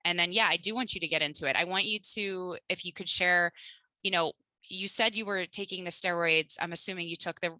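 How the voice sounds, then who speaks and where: A woman's voice: on the low side, fairly even intonation, a little fast, sharp tone, no room sound. A woman from the United States hosting a podcast interview, enthusiastic and rambling, with lots of fillers. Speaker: podcast host. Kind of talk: conversational interview.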